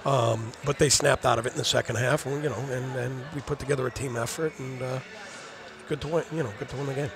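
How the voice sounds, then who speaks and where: A middle-aged assistant basketball coach talks fast in a mid-range, gravelly voice with fairly even intonation, giving a rambling postgame interview over crowd noise. He wears a headset mic on an indoor studio set in a gym and often repeats words while he thinks.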